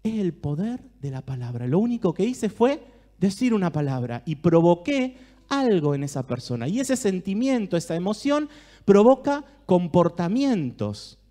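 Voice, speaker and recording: Argentine man, church talk to a crowd, high animated voice, mellow tone, asks the listeners questions. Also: normal speed. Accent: Argentine Spanish. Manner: expressive, speaks straight to the listeners with questions. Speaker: speaker at a church family ministry. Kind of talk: talk to a live audience.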